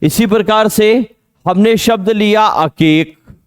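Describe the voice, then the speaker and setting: A man teaching Hindi grammar in an exam coaching lesson, quizzing students on pronunciation and drawing out key words slowly. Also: high voice, clear, resonant tone, no room sound, studio quality. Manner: drills pronunciation with repeated questions to students.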